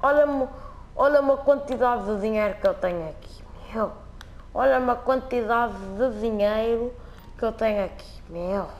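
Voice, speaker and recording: A man's voice: extremely high pitch, a little slow, lo-fi sound. A man with a European Portuguese accent giving joking, slangy commentary while playing a video game. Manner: joking, slangy, repetitive banter. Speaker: gameplay commentator. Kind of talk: casual gameplay commentary.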